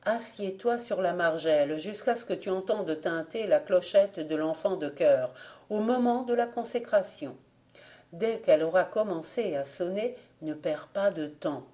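A woman's voice: on the low side, lightly acted. Woman reading a sly old blind man. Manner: calm, gently ironic.

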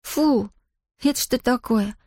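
A woman voicing a spirited, stubborn nine-year-old girl in an audiobook, with high, indignant outbursts. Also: slow, darkish tone, no echo, studio quality. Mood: fretful. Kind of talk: audiobook character voice.

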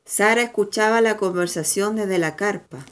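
A woman in a Bible class reading scripture passages aloud at a steady, plain pace. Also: medium pitch, normal speed.

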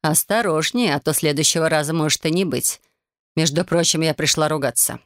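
A woman voicing an irritable, bossy female fairy who scolds slowly and impatiently. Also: low voice, no room sound, studio quality, close to an everyday voice. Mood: scolding.

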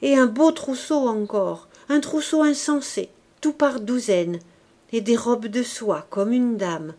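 Calculating innkeeper wife in a storybook reading, read by a woman, dark and measured. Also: fairly high pitch. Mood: scheming. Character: scheming middle-aged innkeeper woman, shrewd.

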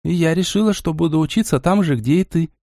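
A male narrator voicing a sharp-tongued, sarcastic young woman in an audiobook. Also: on the high side, fairly quick, dry recording, clean studio sound, voice pushed up, lightly acted.

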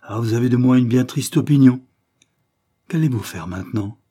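A man voicing a sharp-tongued older spinster sister in an audiobook reading, with a tart, brisk delivery. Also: medium pitch, pitched above the performer's own voice, natural voice. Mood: indignant.

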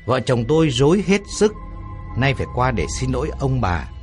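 Brief: humble, deferential older father in an audio story, voiced by a man. Measured and courteous. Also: medium pitch, sing-song, soft background music, natural voice. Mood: pleading. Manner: deferential, polite.

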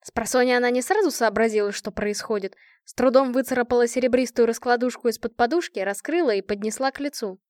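A woman reading a novel aloud as narrator, in an even storytelling manner. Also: on the high side, fast talker, hardly any pauses, no echo, studio quality. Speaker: audiobook reader. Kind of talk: scripted narration.

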